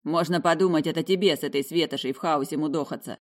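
A woman voicing a rude young male necromancer who drawls his insults slowly. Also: low-pitched, steady tone. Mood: sneering. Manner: slow, sneering, contemptuous.

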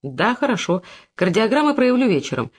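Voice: medium pitch, sing-song, a little fast. A reader voicing a kindly older male doctor who speaks reassuringly. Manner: warm, reassuring. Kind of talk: audiobook character voice.

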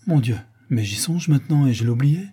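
Man doing anxious young woman artist, pleading, raised pitch, husky dark tone. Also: animated, brisk. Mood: desperate. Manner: pleading, insistent. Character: young female artist, anxious and clinging to hope. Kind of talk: audiobook character voicing.

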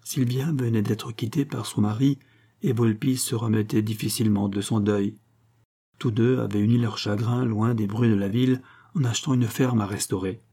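A man reading a crime novel as scripted narration, in an even, measured way. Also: fairly low pitch. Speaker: audiobook narrator.

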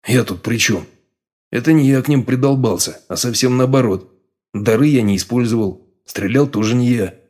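A man's voice: mid-range voice, moderate pace, darkish tone, lightly acted. A male audiobook reader voicing the first-person hero, a blunt man who shrugs off danger. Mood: plain. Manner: plain, shrugging. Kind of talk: audiobook character voice.

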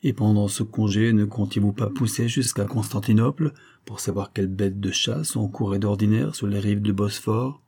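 A man voicing a gruff, hearty German baron who hosts the hunters, his voice rough and raised. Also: on the low side, fairly even intonation, normal speed, few pauses, warm tone. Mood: hearty firm.

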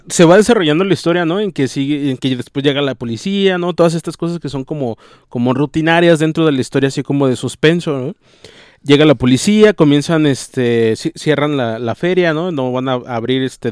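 Mexican guy chatting about a novel, slangy, keeps tagging questions on everything, smooth clear voice, dry sound. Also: fairly high pitch, fairly quick, a little mellow, no room sound. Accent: Mexican Spanish. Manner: rambling, ends nearly every phrase with a questioning tag; slangy and informal. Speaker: book discussion host. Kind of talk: casual retelling of a novel.

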